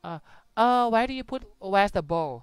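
A woman's voice: medium pitch, lively intonation, slow pace, clean tone, no echo. A young Thai woman streaming a video game, chatting casually and mixing Thai-accented English with playful curses. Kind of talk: casual live game commentary.

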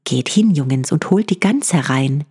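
A woman voicing a cheerful, endlessly approving farm wife in a storybook reading, with a husky voice and eager, praising talk. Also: low-pitched, lively intonation, normal speed, darkish tone, exaggerated voice. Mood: delighted.

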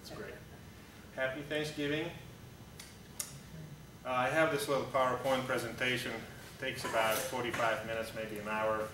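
Speaking at a medium pitch, level and at an ordinary pace, a thirtysomething Russian pilot with a Russian accent presents slides informally, blunt and conversational, with many "uh"s and false starts as he gestures on his feet. A camera far back in a large, echoing hangar-style room captures him over a background hum.

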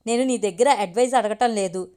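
A woman voicing a scheming young man who smoothly pressures his girlfriend in a storybook. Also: mid-range voice, a little fast, mellow, natural voice. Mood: pressuring. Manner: insistent, smooth-talking.

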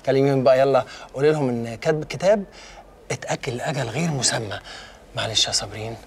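An older man with an Egyptian Arabic accent playing an injured journalist who talks fast and flustered while dodging his own wedding. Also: mid-range voice, husky. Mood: arguing.

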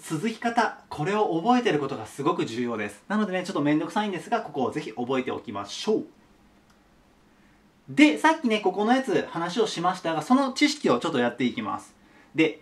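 A man with a voice on the high side teaches a grammar lesson at a whiteboard. He's chatty and animated, addressing viewers as his students.

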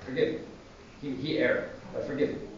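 A priest voicing a gentle, tender hermit monk who soothes and pleads softly, heard from a distance in an echoey church with a dull sound. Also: male voice, mid-range voice, fairly even intonation, a little fast, slight background noise, lightly acted. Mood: pleading.

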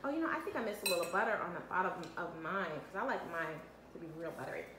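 This woman in her thirties has a lowish, sharp-toned voice and an animated, quick delivery as she leads her children in an upbeat, step-by-step home cooking segment. A camera mic a few feet away records her in an echoey kitchen with faint background noise.

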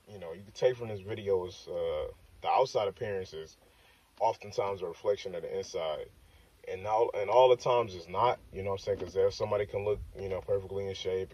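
Deep husky man rambling in a car. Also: warm tone. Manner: loose, rambling, repeats "like I said" and "you know what I'm saying". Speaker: fitness vlogger. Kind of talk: casual self-filmed talk. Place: parked car, daytime. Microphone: phone on the dashboard. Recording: dull, slightly distant phone audio.

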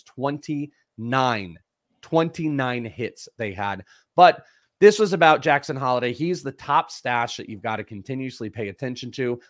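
A man chatting on a live fantasy baseball show as the prospect analyst, rattling off stats in quick conversational bursts. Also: a little high, fairly bright tone, dry recording, clean studio sound.

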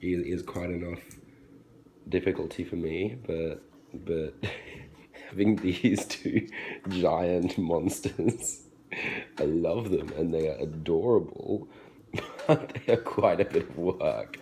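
Deep-voiced man vlogging. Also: slow, long pauses, warm tone, a little hiss or hum. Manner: chatty and enthusiastic, rambling asides. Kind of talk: casual daily vlog. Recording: background music.

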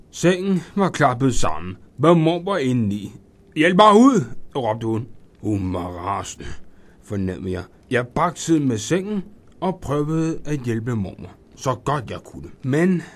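A man in a studio reading a children's Christmas story aloud in a lively, expressive first-person voice. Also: medium pitch.

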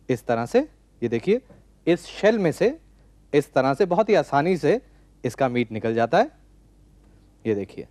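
A man in his forties hosting a TV cooking show, calmly explaining a recipe step by step from a studio kitchen set. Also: mid-range voice, dry recording. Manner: calm step-by-step instructing. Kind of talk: cooking demonstration.

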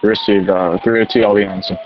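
A man's voice: on the low side, little pitch movement, quick pace, soft background music. A male firefighter making short replies over a two-way emergency radio. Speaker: firefighter on engine crew. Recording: dull, clearly noisy radio.

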